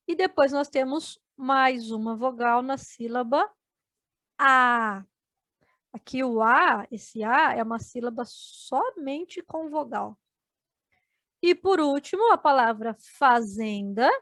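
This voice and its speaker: Speaking slowly in Brazilian Portuguese, this woman breaks words into syllables for her students during an adult education video lesson. She has a fairly high, fairly bright voice, recorded with no room sound.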